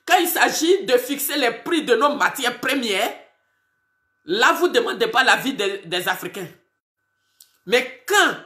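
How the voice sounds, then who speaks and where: Woman, activist addressing camera, indignant, rhetorical questions, high-pitched, echoey room. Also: a bit bright. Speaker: political activist.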